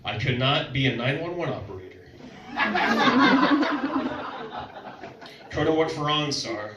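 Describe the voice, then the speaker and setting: A young man on a comedy club stage, telling loud and playful stories with sudden vocal outbursts. He sounds distant in an echoey room. Audience noise carries clearly behind him. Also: fairly high pitch, very animated, slow pace, dull audio. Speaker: stand-up comedian. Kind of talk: stand-up comedy set. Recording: echoey club, mic heard from a distance, noisy crowd.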